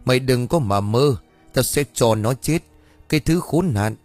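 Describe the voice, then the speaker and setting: A man's voice: mid-range voice, lively intonation, a little slow, darkish tone, no room sound, soft background music. A man voicing a vengeful ghost that possesses a woman and curses and threatens the living. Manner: spiteful, cursing, threatening.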